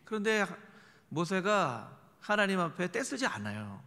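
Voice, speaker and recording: A man's voice: sits high, sing-song, measured pace, pushed and bright. A male pastor preaching a sermon in a church sanctuary, earnestly addressing the congregation directly. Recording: reverberant church hall.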